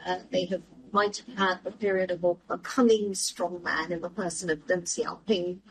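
Young woman, lowish voice, interviewer, formal articulate questions, studio. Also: fairly even intonation, normal speed, rough recording. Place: TV studio, seated in armchair.

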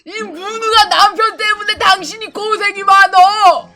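A woman's voice: very high voice, fairly even intonation, a little slow, pushed and bright, voice pushed up, exaggerated voice. A young woman playing a hapless, apologetic husband, pleading in a whiny, melodramatic way during co-op gameplay. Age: young adult. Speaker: co-host gamer. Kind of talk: playful role-play during co-op gameplay. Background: game music.

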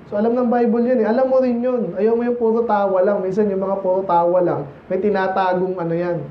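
High-voiced Filipino preacher in an echoey church. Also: male voice, little pitch movement, brisk, slight background noise. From Philippines. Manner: conversational, teasing, many rhetorical questions to the congregation. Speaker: pastor. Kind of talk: sermon. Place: church sanctuary. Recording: echoey, muffled church recording.

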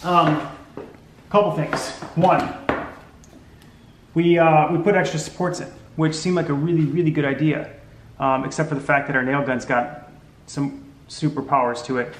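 This low-quality recording captures a DIY channel host, a man in his forties, in an echoey indoor garage workshop. His fairly high voice stays steady at a moderate pace, pausing often. Tired, he narrates a woodworking build, rambling a little with plenty of ums and false starts.

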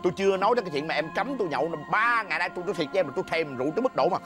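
A man with a Southern Vietnamese accent in a comedy sketch, playing an excitable husband who stammers and protests. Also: sits high, very fast, over music. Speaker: comic actor playing a drinking husband.

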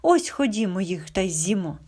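A woman's voice: medium pitch, sing-song, normal speed, a little mellow, breathy edge. Woman voicing a boastful wolf. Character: talkative male wolf, boastful pack leader.

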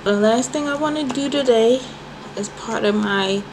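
Filming in her small bedroom, a young woman in her twenties talks at a normal speed in a voice on the high side. She's lively and casual with her viewers, calling them "y'all," and the recording, made on a handheld phone later set on a desk, has background noise.

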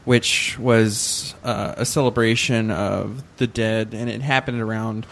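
A man's voice: on the low side, steady tone, measured pace, gravelly, a bit bright. A man on a casual podcast recounting what he researched, hesitant and often correcting himself with fillers. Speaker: podcast co-host.

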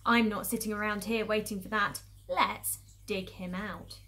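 A woman's voice: mid-range voice, steady tone, unhurried, sharp tone. A woman voicing a ruthless, impatient male farmer in a storybook, speaking decisively.

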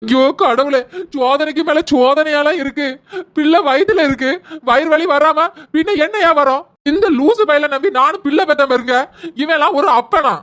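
A woman's voice: high voice, moderate pace, fairly bright tone. A woman with a Kanyakumari Tamil accent playing a young pregnant wife in labour who wails, groans and bickers sharply in a family comedy skit. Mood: groaning, scolding.

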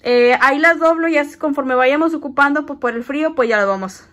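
A woman's voice: sits high, fairly quick, a bit bright, a little hiss or hum. A woman chatting to viewers as she films a tour of her small home on a phone. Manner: chatty, addresses viewers as friends, walking while filming. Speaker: vlogger. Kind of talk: casual house tour vlog. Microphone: phone held in hand.

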